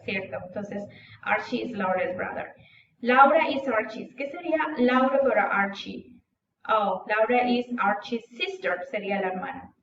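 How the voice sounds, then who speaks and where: A woman teaching an English lesson, reading words slowly and then giving their translations. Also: mid-range voice, echoey room, distant mic, highs cut off, a little hiss or hum.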